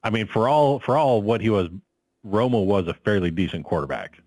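A man's voice: on the low side, lively intonation, a little fast, darkish tone, dry recording. A man co-hosting a casual sports podcast, swearing freely while he checks facts aloud. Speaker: podcast co-host.

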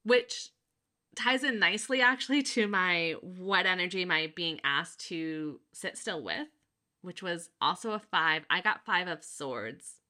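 A woman's voice: fairly low pitch, expressive, measured pace, bright, forceful tone. A woman in her thirties co-hosting a podcast, chatting reflectively with frequent fillers and laughs. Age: 30s. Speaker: podcast co-host. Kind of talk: casual chat.

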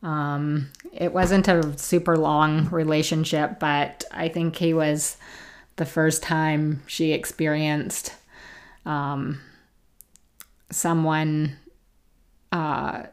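A woman hosting a casual podcast, reading listener letters aloud in a gentle, chatty way. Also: low-pitched, level tone, very slow, long pauses. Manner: reads gently, laughs easily, chatty asides.

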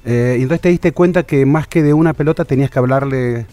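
Male interviewer, measured and halting, dry room, mid pitch. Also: dark tone, dry recording. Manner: measured, hesitant, many fillers. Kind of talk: reflective interview questions.

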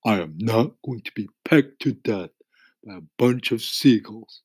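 A man's voice: lowish voice, expressive, a little slow, darkish tone, husky, dry recording, voice pushed up. A prim, cranky earthworm who sounds put-upon and easily offended, his voice pushed a little up and colored oddly, as a man puts him on. He speaks sharply and with clipped indignation. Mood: panicked refusal. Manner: indignant, huffy. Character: grumpy, fussy male earthworm.

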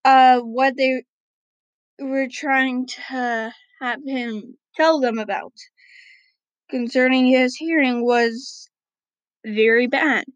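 A woman's voice: high-pitched, fairly even intonation, slow, long pauses, no room sound, rough recording. A woman casually narrating a homemade story, hesitant and filled with ums.

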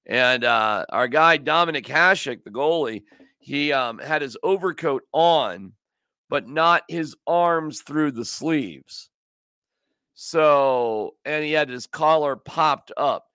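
A man's voice: fairly high pitch, slow pace, pushed and bright, clean tone, dry recording, studio quality. A man hosting a casual sports podcast, joking and rambling as he chats with his co-host. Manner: joking, rambling, does silly voices.

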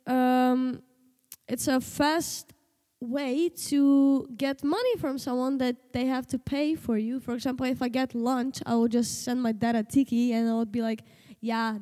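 A teenage girl from Slovenia, a native Slovenian speaker and the host's daughter, chats casually and hesitantly as an interview guest, with many fillers and restarts. Her voice is high and warm, sounding as if she's in a large hall.

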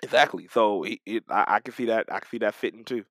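A podcast co-host talks wrestling in a casual chat, speaking fast in a lowish voice with no room sound. He's animated, often stumbling, restarting and repeating words.

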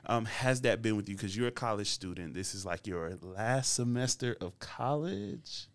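A man with a low, smooth and resonant voice, hosting a relaxed faith-based podcast. He tells stories at an easy, drawn-out pace and laughs often along the way. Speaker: podcast host.

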